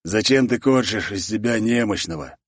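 Man as a blunt grumpy dwarf fighter, low husky voice, dry close sound, audiobook. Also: animated, moderate pace, dry recording. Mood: gruff. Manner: blunt, impatient. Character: gruff, irritable male dwarf warrior.

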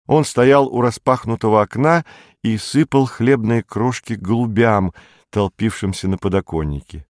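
A man narrating a story as an audiobook in an even, measured manner. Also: lowish voice, dry recording, clean studio sound.

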